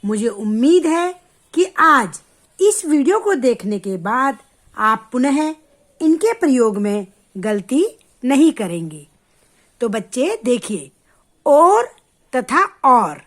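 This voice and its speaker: A woman teaching children a grammar lesson, explaining slowly and stretching out sounds to show how they are spoken. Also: a little high, big pitch swings.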